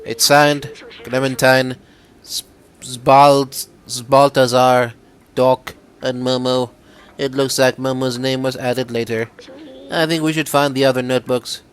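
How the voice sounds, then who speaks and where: A small, helpful drone companion, read aloud by a man speaks in a plain, matter-of-fact voice at a mid pitch. Faint background noise sits under the reading. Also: flat delivery, measured pace, natural voice. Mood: calm. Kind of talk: reading game dialogue aloud.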